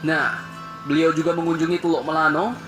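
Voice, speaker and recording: A man's voice: fairly high pitch, flat delivery, brisk, echoey room, music in the background. A man narrating a casual news video, chatty and addressing the audience directly.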